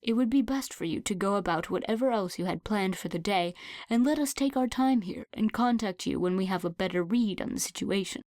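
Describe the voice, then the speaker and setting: A woman's voice: medium pitch, darkish tone, no echo, clean studio sound, close to an everyday voice. Woman reading as a careful, protective man. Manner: careful, measured and soothing. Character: calm, protective man, police officer type.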